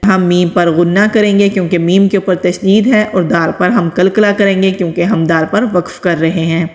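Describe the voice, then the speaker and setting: A woman giving a recitation lesson, patiently explaining pronunciation rules step by step and reciting words slowly. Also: lowish voice, steady tone, a little mellow, long reverb tail. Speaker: Quran recitation teacher.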